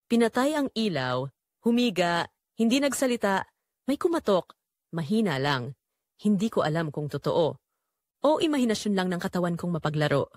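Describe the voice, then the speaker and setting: A woman with a Filipino accent and a lowish voice narrates an audio drama, reading a scripted first-person story. The studio-quality recording has no echo.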